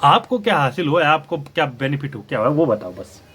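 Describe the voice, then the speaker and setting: A man's voice: a little high, big pitch swings, fast, fairly bright tone, husky. Lecturing man giving blunt commentary. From India. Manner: lecturing, argumentative, addresses viewers directly. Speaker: news commentator. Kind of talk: opinionated commentary to camera.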